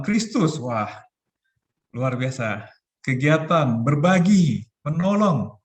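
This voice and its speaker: A man in his forties giving a relaxed, chatty youth talk over a video call, laughing often. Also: fairly high pitch. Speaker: youth ministry speaker.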